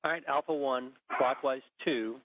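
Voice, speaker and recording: A man speaking as a mission control communicator, giving measured procedural instructions over a radio link with hesitant pauses, like a sci-fi communicator. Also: mid-range voice, dry recording. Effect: radio transmission. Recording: muffled band-limited radio link.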